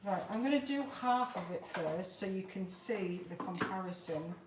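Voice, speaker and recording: A woman's voice: fairly low pitch, animated, moderate pace. A woman in her fifties hosting a live craft tutorial in a plain-spoken, chatty, informal way. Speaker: craft demonstrator, live show host. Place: large open workshop, indoors. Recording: roomy, noisy workshop, far from mic.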